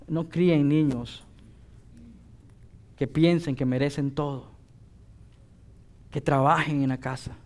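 A middle-aged man delivering a sermon with a voice pitched a little above most men. He exhorts his listeners emphatically and builds to loud declarations on his key points. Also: fairly even intonation, takes it slowly, pauses often. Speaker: preacher.

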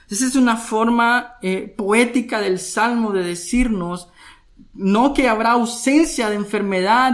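A man preaching a sermon as a pastor, earnest, asking many questions and slowing down to stress his points. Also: high voice.

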